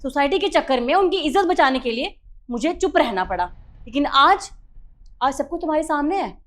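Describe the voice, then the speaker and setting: A woman's voice: sits high, animated, fairly quick, a bit bright. An actor playing a wife caught hiding her lover, defensive and dismissive, in melodramatic short-film style. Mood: defiant.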